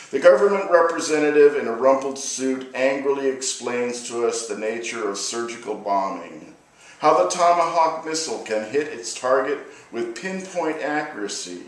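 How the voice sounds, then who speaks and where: An American poet with a mid-range voice reads his own work at a live event, opening with an informal spoken introduction. The reverberant room and distant microphone make him sound echoey and far away.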